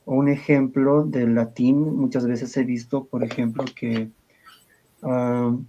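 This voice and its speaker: A man on a live stream explaining liturgical languages in casual talk, pausing often to search for words and reading sample prayers slowly. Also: mid-range voice, level tone, dark tone, highs cut off, a little hiss or hum.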